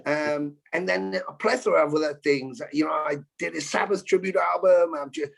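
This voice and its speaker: A man's voice: fairly high pitch, moderate pace, gravelly. A man, a metal musician chatting casually on a video call and talking in long runs with casual swearing.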